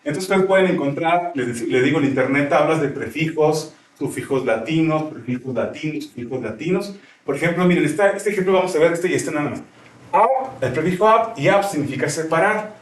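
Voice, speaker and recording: A man's voice: fairly high pitch, expressive, fairly quick. A male teacher explaining grammar in a classroom, often checking with his students as he goes. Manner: explanatory, asks frequent checking questions. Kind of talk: classroom lecture. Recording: roomy classroom, mic far off.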